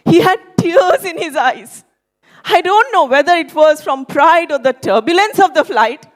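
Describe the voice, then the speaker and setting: A woman delivering a rehearsed motivational contest speech, with a theatrical, memorized delivery and deliberate pauses. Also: high-pitched. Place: school hall speech contest stage.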